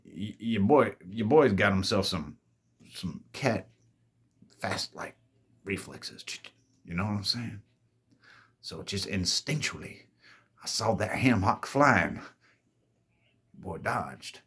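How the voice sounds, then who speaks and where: A man's voice: fairly low pitch, lively intonation, slow, long pauses, a bit bright, husky. A man hosting his own show, telling a story in a rambling, boastful, profane way and calling his viewers "babies". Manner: laid-back, rambling delivery with self-corrections. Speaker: host. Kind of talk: storytime monologue.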